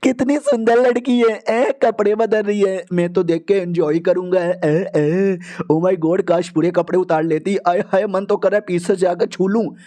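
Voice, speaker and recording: A man's voice: sits high, steady tone, normal speed, dark tone, close to an everyday voice. A man voicing a lecherous male thug in a comic storybook recap, sleazy and gloating. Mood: leering.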